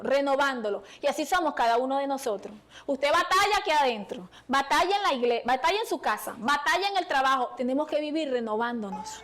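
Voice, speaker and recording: A woman's voice: high voice, a bit bright. A woman preacher giving a fervent sermon in a small church, calling out to the congregation and pleading with them.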